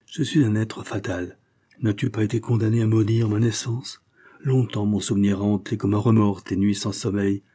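A guilt-ridden young man pours out his confession to his mother with rising emotion, voiced by a male reader. His voice is dark and husky, sitting fairly low. An audiobook performance of a classic novel. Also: level tone, moderate pace. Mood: remorseful. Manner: emotional and self-accusing.

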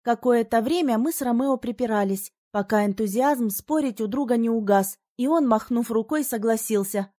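A woman narrating a first-person fantasy audiobook in a lively, wry manner. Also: on the high side, normal speed, few pauses.

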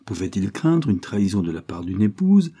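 A man reading an audiobook voices a proud young wife who speaks with fervent, accusing emphasis, lifting his voice higher for her. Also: very animated, normal speed, warm tone, slightly rough, full character voice. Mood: indignant.

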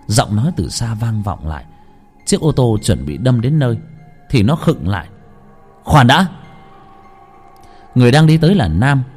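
A man narrating a horror story in a dramatic, expressive way. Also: mid-range voice, breathy edge.

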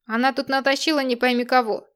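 A crude, sneering teenage brother who relishes the trouble, loud and mocking, as a woman narrator puts him on. He is a figure in a family-drama audiobook. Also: high-pitched, level tone, fast, smooth.

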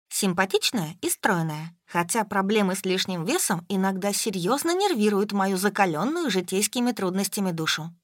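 A woman narrating a first-person audiobook in a wry, even storytelling manner, close to the mic. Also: mid-range voice, dry recording.

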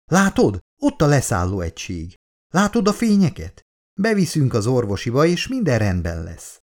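A man's voice: mid-range voice, wildly swooping pitch, pitched above the performer's own voice. A man voicing an army sergeant who urges on a wounded comrade in an audiobook. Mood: urgent coaxing. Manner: urgent, coaxing encouragement. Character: male sergeant, urgent and encouraging.

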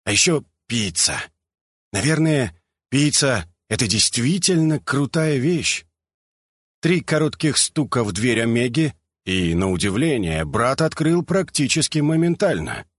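A man narrating an audiobook in an expressive storytelling manner. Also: medium pitch, measured pace, slightly rough, no room sound, clean studio sound.

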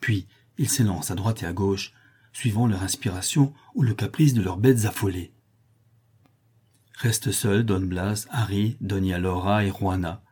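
Low, husky male storyteller. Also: unhurried, warm tone. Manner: dramatic storytelling delivery. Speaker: audiobook reader. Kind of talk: scripted narration.

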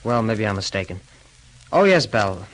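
An actor playing a brisk, insistent husband who speaks curtly and matter-of-factly, in 1930s radio drama style. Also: male voice, fairly low pitch, big pitch swings, slight background noise, rough recording. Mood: firm. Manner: curt, matter-of-fact firmness.

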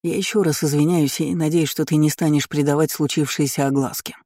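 A man's voice: on the high side, steady tone, brisk, dark tone, no room sound, studio quality. A male audiobook reader voicing a flustered middle-aged nobleman who stammers and then speaks stiffly. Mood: stiff formal. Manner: stammering, then barking orders.

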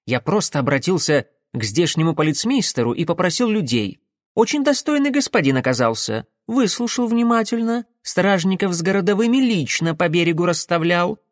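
A man voicing a flustered, indignant gentleman who is easily offended, in an audiobook. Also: high voice, very animated, moderate pace, no echo, clean studio sound, voice pushed up. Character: indignant, fussy gentleman Gunkin.

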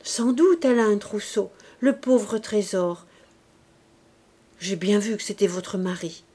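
A woman's voice: medium pitch, slow pace, dark tone, slightly rough. A woman doing a shrewd scheming innkeeper wife.

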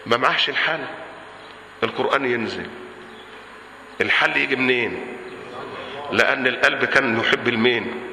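A man with an Egyptian Arabic accent giving a colloquial sermon to a congregation, lively, asking the audience questions and acting out dialogues, and chanting Quran verses. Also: medium pitch, moderate pace, pauses often. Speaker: preacher. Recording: echoey hall recording with faint noise.

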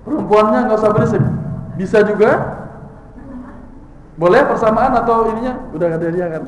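A man with a very high voice teaches a religious class to teenagers, firing questions at the audience and echoing back their answers. His voice rings through a large, echoey hall with a long reverb tail. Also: brisk, slight background noise.

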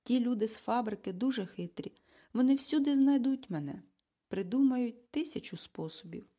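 A meek, polite and anxious boy from a storybook, as a woman reader puts him on. He speaks timidly and courteously, in a soft, mellow, slightly breathy tone. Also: on the high side, animated, moderate pace, pitched above the performer's own voice. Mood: worried.

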